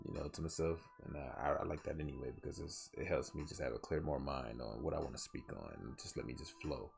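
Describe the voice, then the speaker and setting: With a rumbling low, slightly mellow voice and vocal fry, a young man hosts his own podcast. He's from southwest Georgia, US, and comes across tired and yawning while earnestly rambling and restarting a lot.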